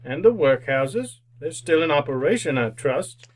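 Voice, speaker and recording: A man's voice: on the high side, expressive, normal speed. An actor playing a miserly, cold-hearted, crotchety older businessman in old-time radio drama style, curt and scornful. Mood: cold, sardonic.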